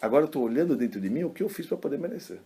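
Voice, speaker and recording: Guy doing a humble old rabbi, crying but forgiving, gravelly and quick, from a retold story. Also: mid-range voice, big pitch swings, pitched above the performer's own voice, heavily acted. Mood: earnest.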